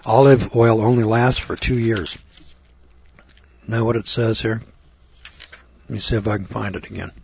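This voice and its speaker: Blunt, husky old American preacher. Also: male voice, fairly low pitch, fairly even intonation, moderate pace, pauses often, darkish tone, dull audio. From United States. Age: older. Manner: blunt, crude and scornful asides between scripture readings. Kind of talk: folksy sermon reading scripture.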